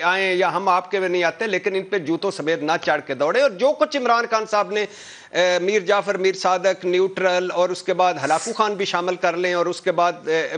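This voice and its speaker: A man's voice: high voice, fairly bright tone. A man speaking as a political commentator on a TV talk show panel, impassioned and repetitive, with many filler sounds and restarts. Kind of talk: heated TV talk show debate.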